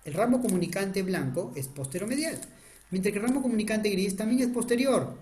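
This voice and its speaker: Animated and brisk, this man's slightly mellow voice sits high as he walks through anatomy on a diagram in an online lecture. He urges students again and again to pay attention, quizzing them and then answering himself.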